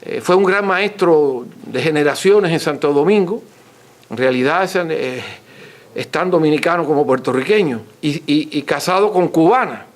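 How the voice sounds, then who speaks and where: Answering audience questions off the cuff, an author and lecturer teaches in a courteous, didactic way and repeats points for emphasis. His voice is on the high side and animated, at a normal pace.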